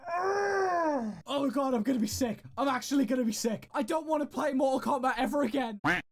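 A woman gaming YouTuber giving crude, loud commentary over gameplay, laughing and panicking. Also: high-pitched, fast talker. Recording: game audio and music behind. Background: game music.

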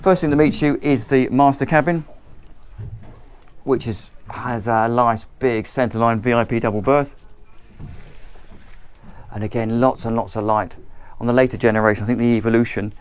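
Walking through cabins and decks aboard a motor boat in a marina, a man from England chats eagerly and improvises his commentary for a handheld camera. He speaks at a normal speed in a steady, clean, mid-range voice, leaving long pauses.

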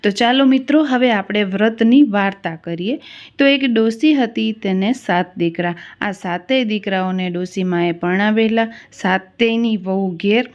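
A woman storyteller narrates a devotional fasting tale in a steady, plain manner. Her voice sits at a middle pitch. The recording has a slightly dull, lo-fi quality.

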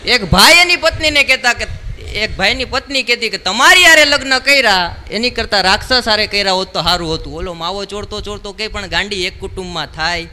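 Bright, high-voiced comedian on stage. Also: male voice, lively intonation. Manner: punchy joke telling, quick call-and-response to the crowd. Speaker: stand-up comedian. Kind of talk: live stand-up comedy show. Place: live show in a large hall. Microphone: stage microphone. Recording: live hall recording with long reverb.

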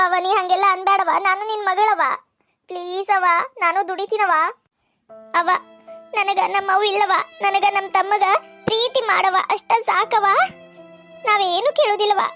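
A woman's voice: extremely high pitch, little pitch movement, normal speed, fairly bright tone, faint music behind. A woman voicing an earnest, pleading little girl of six or seven in a cartoon, with a North Karnataka accent. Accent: North Karnataka Kannada. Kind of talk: cartoon voice acting.

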